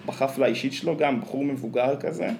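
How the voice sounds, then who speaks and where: A podcast co-host with an Israeli accent chats casually in a mid-range, darkish voice with fairly even intonation. There is faint ambient noise in the background.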